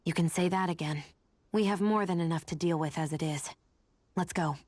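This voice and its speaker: A woman voicing a brisk, curt young heroine in a video game, blunt and matter-of-fact. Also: fairly low pitch, a little mellow, dry recording, lightly acted.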